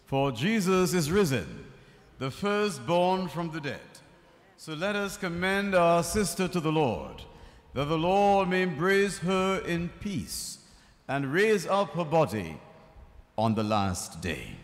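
Slow, measured priest at a funeral. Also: male voice, sits high, sing-song. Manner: slow, measured liturgical recitation. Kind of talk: funeral committal prayers. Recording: reverberant space with faint music.

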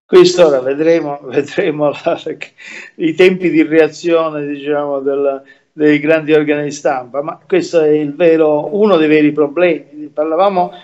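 Halting man on a muffled call. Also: fairly high pitch, steady tone, a little mellow. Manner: halting, repeats words, many fillers. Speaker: interview guest. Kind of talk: remote interview commentary.

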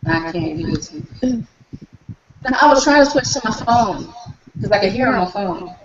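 A woman author chatting on an online video call, answering in short, low-key replies over an echoing connection. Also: expressive, measured pace, crowd noise. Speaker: author guest. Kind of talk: casual video chat. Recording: muffled echoey call with background noise.

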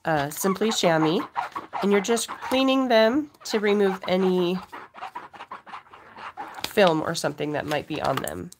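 A woman's voice: mid-range voice, expressive, a little slow, long pauses, background noise. A middle-aged woman with a cold, giving a casual craft demonstration to viewers as the host at home. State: has a cold, occasional cough. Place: indoors at a home craft table.

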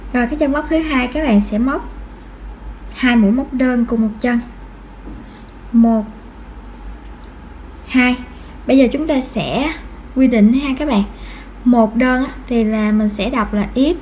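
A woman's voice: fairly high pitch, moderate pace, a little mellow, slight background noise. A woman giving patient step-by-step crochet instruction, counting stitches aloud. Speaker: crochet tutorial host.

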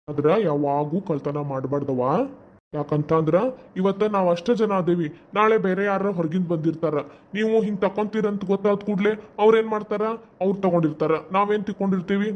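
A man voicing a fast-talking, gentle father. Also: on the high side, dull audio, lightly acted. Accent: North Karnataka Kannada. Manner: tender, coaxing, fatherly advice. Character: gentle, loving middle-aged father. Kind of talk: cartoon voice acting.

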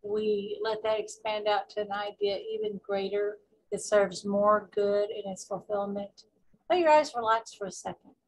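Over poor audio, a mid-pitched female voice leads a guided meditation in the manner of a spiritual coach. She works through affirmations deliberately, repeating short phrases and leaving gaps between them.

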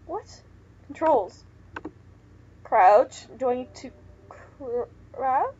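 Young woman host for a casual game playthrough, high, swooping voice, jumpy, slightly dull home mic. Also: expressive, extremely slow, mellow, a little hiss or hum. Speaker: let's play host, player. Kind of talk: casual gaming commentary.

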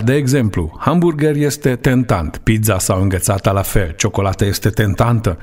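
A man in his thirties giving a scripted online lecture in a studio, in a measured, explanatory way. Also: on the low side, a little mellow.

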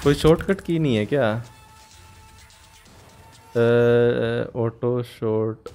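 A man giving live gameplay commentary, swinging from casual chat to panicked yelling during fights. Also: mid-range voice, drawn-out words, soft background music. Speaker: gaming streamer.

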